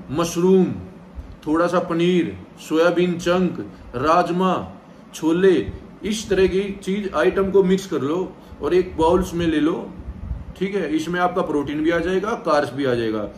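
A man's voice: a little high, a little hiss or hum. Roomy-sounding man explaining a diet plan. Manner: direct, repeats "theek hai" to check in with viewers. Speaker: gym trainer. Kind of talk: casual instructional vlog. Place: indoor room, seated on a sofa. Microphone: far camera, no visible mic. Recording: echoey room, mic set back.

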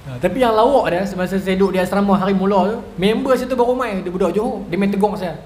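A man's voice: high voice, fast, a little mellow. Chatty northern Malaysian preacher man. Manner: chatty, storytelling, keeps asking the audience "right?". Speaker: religious lecturer. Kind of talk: humorous mosque lecture. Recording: echoey hall with faint noise.

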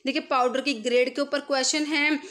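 A woman's voice: high voice, steady tone, a little fast, fairly bright tone. A woman teaching pharmacy exam questions over a screen recording, explaining each answer and repeating key terms. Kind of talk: screen-recorded MCQ lesson.

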